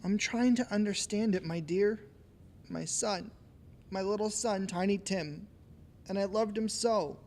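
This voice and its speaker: A gentle, grief-stricken father. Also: high-pitched. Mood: grieving. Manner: tender, halting, restrained. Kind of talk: radio drama acting.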